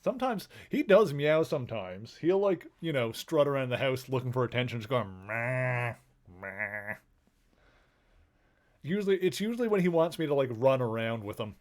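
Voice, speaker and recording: A man's voice: mid-range voice, sing-song, brisk, hardly any pauses, a little mellow. A man streaming a video game, chatting casually in a rambling way and cooing affectionately to his pets. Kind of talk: casual chat while live streaming.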